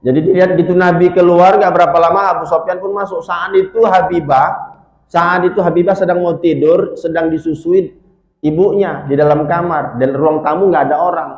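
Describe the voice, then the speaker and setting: A male preacher telling a story in a sermon, lively and constantly addressing the congregation. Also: high-pitched, a little fast, lo-fi sound. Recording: echoey hall.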